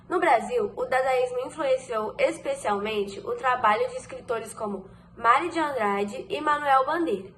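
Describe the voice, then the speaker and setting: A young woman reading a scripted school presentation in a measured way. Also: high-pitched, fairly bright tone, slight background noise, low-quality recording. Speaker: student presenter.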